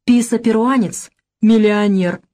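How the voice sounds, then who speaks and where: A woman reading a shrill excitable young sister. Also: fairly quick. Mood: excitable, mocking. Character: capricious young woman, excitable and sharp-tongued. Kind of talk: audiobook reading.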